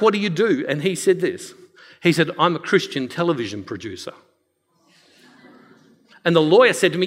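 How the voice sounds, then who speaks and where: A man from Western Australia with an Australian accent, telling a story to a live audience and acting out the dialogue. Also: sits high. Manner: animated, acts out dialogue with a hushed voice for God. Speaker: speaker. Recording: long hall reverb.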